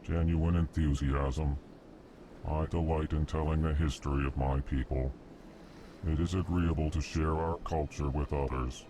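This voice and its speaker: A man playing a huge, polite video game alien who speaks in a slow monotone and announces his emotions. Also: rumbling low, a little hiss or hum. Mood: placid, formal. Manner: slow monotone, states feeling before each sentence. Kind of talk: video game character dialogue. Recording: game music over the voice.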